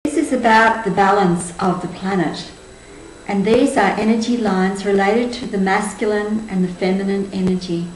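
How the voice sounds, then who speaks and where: A woman in her sixties, a spiritual group tour leader and presenter, gives a measured, earnest talk to camera in a medium-pitched, fairly even voice. She's indoors in a small room with a cloth backdrop, and the recording has a roomy echo and faint background noise.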